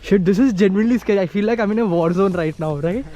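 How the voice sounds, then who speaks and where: A man's voice: high-pitched, fast, dark tone. A man vlogging casually outdoors as he sightsees, slangy and sweary, calling his companion bro and dude. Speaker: travel vlogger. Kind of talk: casual chat while sightseeing. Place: outdoors at a tourist site.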